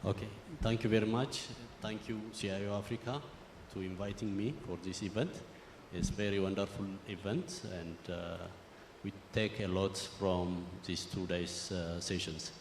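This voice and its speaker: A man from Ethiopia, speaking formally as a conference panelist. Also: low voice. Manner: formal, measured, slightly halting. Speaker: panelist, bank security executive. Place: large conference hall. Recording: roomy hall echo, faint room noise.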